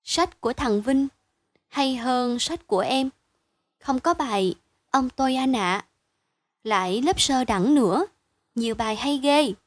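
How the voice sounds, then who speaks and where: A woman voicing a gentle, wistful little sister in a bedtime story, speaking in a high, pleading, childlike way. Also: lively intonation, normal speed, no room sound.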